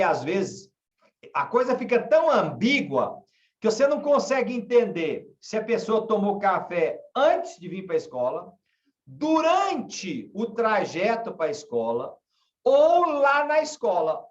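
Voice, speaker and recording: A man from Brazil teaches a class at a slow pace, his pitch rising and falling a lot. He keeps asking students questions and repeats his example sentences. The sound is dull and echoey, picked up from a distance. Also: big pitch swings. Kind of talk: online class lesson. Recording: dull, echoey room from afar.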